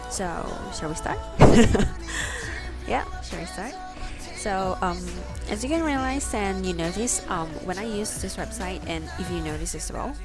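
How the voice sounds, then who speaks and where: A woman giving a casual, rambling screen tutorial with hesitant delivery, her pronunciation slightly off from wearing braces. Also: lowish voice. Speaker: online shopping tutorial presenter. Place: voice-over for a screen recording. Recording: music behind the voice.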